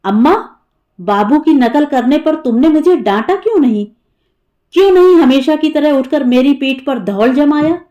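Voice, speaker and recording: A woman's voice: a little high, very animated, measured pace, a little mellow, muffled recording. A woman voicing an earnest, playful young man who pleads with his mother in an audiobook story. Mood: pleading. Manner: eager, then pleading.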